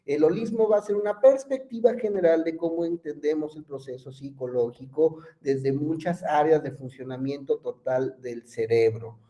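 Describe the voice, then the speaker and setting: A man's voice: a little high, normal speed, few pauses, warm tone. A man giving an online psychology lecture, chatty, quizzing his students and using lots of fillers. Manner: conversational, asks students questions, many fillers.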